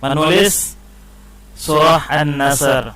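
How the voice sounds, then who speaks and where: A man's voice: fairly high pitch, very slow, very noisy. A man teaching young children how to recite and write a short scripture passage, explaining patiently step by step. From Indonesia. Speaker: Islamic studies teacher. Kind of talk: classroom lesson for children.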